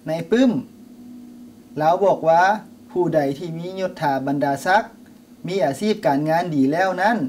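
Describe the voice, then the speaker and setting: A man playing an earnest young nephew, high voice. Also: normal speed, darkish tone, natural voice. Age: young adult. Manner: earnest, explanatory. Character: young Lao nephew reading an old proverb book. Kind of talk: scripted dialogue skit. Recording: distant mic, faint noise.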